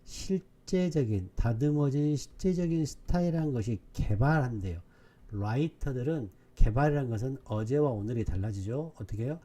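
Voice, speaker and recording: A man's voice: medium pitch, animated, moderate pace, mellow. A male teacher giving an online exam-prep English lecture, repeatedly asking his students questions and answering them himself. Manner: repetitive, drilling questions to students.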